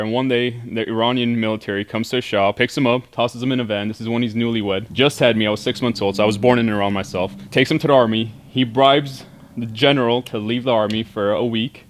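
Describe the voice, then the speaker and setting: A man's voice: mid-range voice, fairly even intonation, a little fast. Easygoing man chatting on a vlog. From raised in Sweden. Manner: easygoing, laughs often, curious questions. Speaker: vlogger host. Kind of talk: casual chat. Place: car build shed on a hill.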